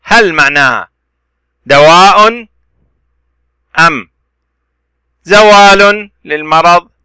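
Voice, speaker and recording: A man teaching children to read, spelling out letters and vowel marks slowly and stretching the words. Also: high-pitched, dry recording. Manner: bright, clear, dry close voice. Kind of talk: children's reading lesson.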